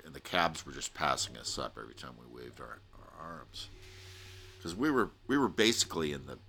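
Low-voiced american guy telling a long story, bright forceful tone, keeps restarting. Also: a little hiss or hum. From United States. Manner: rambling and animated, with many restarts and laughs. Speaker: podcast host telling a personal story. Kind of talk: casual storytelling monologue.

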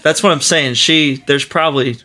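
A man's voice: a little high, moderate pace, a crowd in the background. A man appearing as a guest on a podcast, easygoing and self-deprecating in casual chat.

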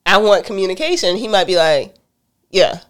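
A woman's voice: on the low side, normal speed. A middle-aged woman co-hosting a relationship talk show, speaking directly and telling stories with laughter. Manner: direct, animated storytelling with laughs. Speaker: podcast co-host. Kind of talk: casual couple conversation.

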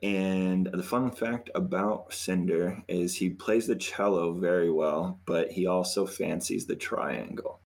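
A man's voice: low-pitched, fairly even intonation, slow pace, gravelly, few pauses. A man introducing his tabletop character, easygoing. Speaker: player. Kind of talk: casual tabletop chat.

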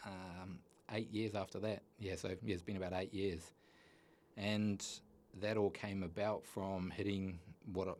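A man with a New Zealand accent and a very low, deep voice. He speaks earnestly, often pausing and restarting his sentences as he tells his own story. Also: a little mellow. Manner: earnest, halting with many restarts. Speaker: guest. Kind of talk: candid personal story.

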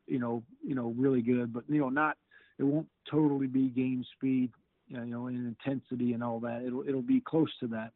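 A middle-aged football defensive coordinator answers interview questions over a tinny, phone-like connection that is completely dry, with no echo. His medium-pitched voice comes in halting bursts and he often repeats words, yet he remains upbeat.

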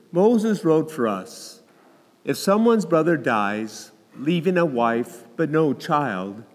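A man reads scripture solemnly, as clergy do in a liturgy. His delivery is slow and deliberate, with a slightly high, very melodic pitch. The sound rings in a large reverberant hall. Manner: measured, deliberate phrasing. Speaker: clergyman reading the Gospel.

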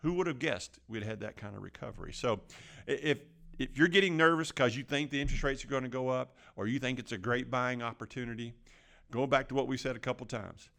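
Male financial podcast host, mid-pitched with noticeable vocal fry, plain-spoken and conversational. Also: a little fast, a bit bright. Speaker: financial advisor.

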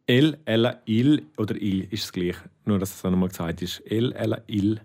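A man's voice: on the low side, normal speed, darkish tone. A man, patiently explaining grammar in a casual language practice chat. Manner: patient, explains and corrects, laughs often. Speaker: language tutor.

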